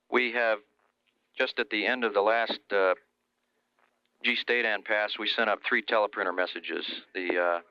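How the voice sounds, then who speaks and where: A low-voiced man speaks over a radio as a mission control communicator. His voice is smooth and clean, delivering procedural instructions through a slightly dull transmission. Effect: heard over a radio.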